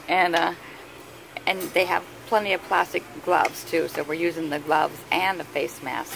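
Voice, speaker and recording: A woman's voice: fairly low pitch, fairly even intonation, a little slow, vocal fry. A middle-aged woman chatting casually as she films her travels, laughing often and speaking unhurriedly. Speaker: vlogger filming her travels. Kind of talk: casual vlog narration. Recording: noisy phone audio with traffic and air conditioning.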